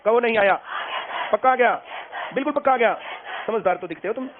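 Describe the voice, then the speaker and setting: A man's voice: very high-pitched, a little fast. A man teaching a maths class. He keeps asking the students whether they have understood. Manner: drilling, asks students if they understood again and again. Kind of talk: classroom lecture. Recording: lo-fi phone-like sound, classroom noise behind.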